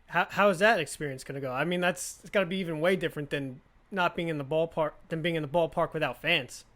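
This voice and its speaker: A man's voice: on the high side, fast talker, a bit bright. A man hosting a podcast interview, asking casual questions full of fillers like "like" and "uh" and laughing easily. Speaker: podcast host.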